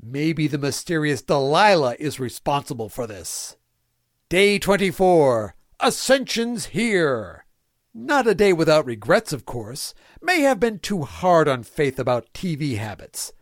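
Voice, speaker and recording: A man's voice: a little high, sing-song, unhurried, dry recording, studio quality. A man voicing a folksy, fatherly villain mayor who dictates his diary in clipped, prim phrases for a comic reading. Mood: scandalized, then wistful. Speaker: reader of a fan fiction comedy podcast.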